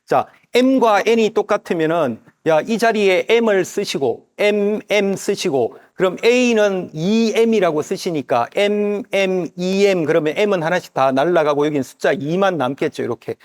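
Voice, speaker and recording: Korean math teacher, slightly higher voice. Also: male voice. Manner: talks to the figure's parts as "you", repeats steps aloud; drawn-out, slow reading of formulas. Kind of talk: whiteboard math lesson.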